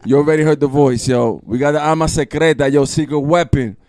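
Mellow-voiced hype podcast host. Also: male voice, on the high side, normal speed. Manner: energetic, hyping, peppered with "yo". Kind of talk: casual hype podcast chat.

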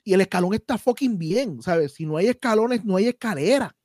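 Puerto rican podcast host guy, kinda high voice, gets fired up and cusses a lot, dry close mic. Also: expressive, fairly quick, darkish tone, no room sound. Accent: Puerto Rican Spanish. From Puerto Rico. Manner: passionate, emphatic, swears freely. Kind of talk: casual podcast conversation.

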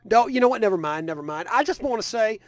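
A man's voice: high voice, animated, quick pace, dry recording. A man voicing a crude, boastful old Santa Claus with a Southern US accent, folksy and boisterous. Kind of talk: improvised comedy character bit.

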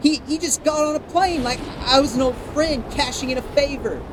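A guilt-stricken sea captain shouting. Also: male voice, very high voice, moderate pace. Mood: anguished. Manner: shouting over storm, anguished. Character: distraught male sailboat captain, guilt-ridden. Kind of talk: audio drama acting. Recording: loud storm wind effects behind.

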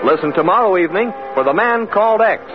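A man's voice: high-pitched, lively intonation, quick pace, muffled recording. A man reading scripted sign-offs in the polished manner of an old radio announcer, on a vintage broadcast. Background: music.

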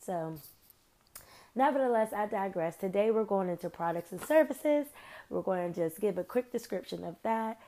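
Speaking at medium pitch and normal speed, a woman hosts her own casual podcast in an expressive, mellow voice. She rambles with slang and side comments, and lingering sinus trouble makes her voice a little off and changeable.

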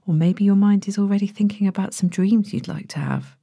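A woman narrating a sleep story as a guided relaxation, in a gentle, hushed and breathy manner with long pauses. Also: medium pitch, no room sound. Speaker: podcast host, sleep meditation narrator.

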